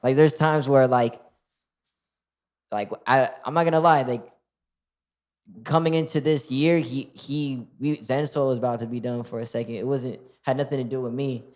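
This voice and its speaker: This is a rapper in his twenties appearing as an interview guest. His mid-range voice moves at normal speed, and his easygoing talk is full of "like" and fresh starts.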